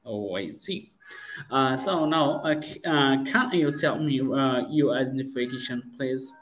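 A young man hosting a live English practice interview over a video call from a room at home, speaking haltingly with many fillers and repeatedly asking viewers to share. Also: mid-range voice, fairly bright tone, poor audio. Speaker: host and teacher. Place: home room with starry painted wall. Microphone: webcam on video call.

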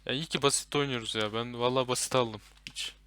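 Loud, bright-voiced young man gaming. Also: mid-range voice, steady tone, fast talker, a little hiss or hum. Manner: loud, swearing, yelling at enemies. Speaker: gaming YouTuber. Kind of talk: co-op horror game commentary.

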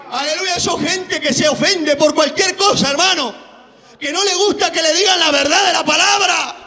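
A man preaching a fiery sermon, shouting often and saying hallelujah constantly. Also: very high voice, long reverb tail. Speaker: evangelist preacher.

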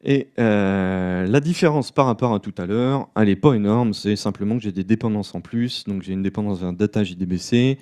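A man speaks on stage while demoing code live. His voice sits a little low, and he talks in an easygoing, self-mocking way with frequent fillers. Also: moderate pace, hardly any pauses. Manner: relaxed, self-deprecating, many fillers. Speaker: conference speaker. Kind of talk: live coding talk. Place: conference room.

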